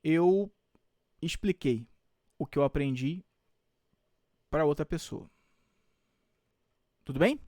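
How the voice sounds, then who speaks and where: A Brazilian Portuguese teacher, a man, walks his students through exam questions one step at a time. He keeps checking in with them as he goes. His voice sits a touch high and sounds dry and close to the mic. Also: slow pace, long pauses, mellow, no echo. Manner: explains step by step with frequent check-ins like "tá?" and "tudo bem?". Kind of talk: exam-prep video lesson.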